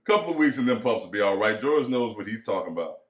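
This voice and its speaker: An actor gives a dramatic reading of a novel, playing a bitter, lonely American ranch hand with folksy rural vernacular, by turns musing and pressing. His fairly low voice is animated, fast, and close to an everyday speaking voice. The room is echoey.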